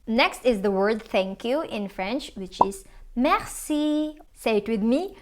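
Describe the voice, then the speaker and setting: A woman with a fairly high voice and a Filipino accent gives a casual language lesson. She is a native Cebuano speaker who takes her time, switching between languages and repeating each phrase for learners. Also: animated, noisy background. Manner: repeats phrases slowly and clearly for learners to follow. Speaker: language teacher.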